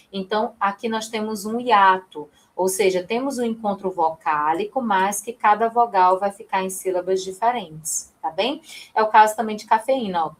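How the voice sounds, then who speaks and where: A young adult woman with a Brazilian Portuguese accent teaching a live online class, chatty and calling on students by name. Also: medium pitch. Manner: chatty, reads chat, addresses students by name.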